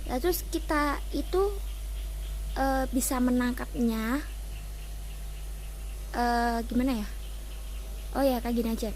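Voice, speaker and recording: Young female student presenter, slightly high-pitched, hesitant with frequent fillers; faint background noise. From Indonesia. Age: young adult. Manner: hesitant, many fillers and restarts. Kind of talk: casual class presentation.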